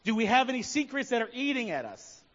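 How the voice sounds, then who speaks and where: A man's voice: very high voice, sing-song, quick pace, a bit bright, lo-fi sound. A man preaching a sermon as pastor, talking conversationally and asking his listeners many questions.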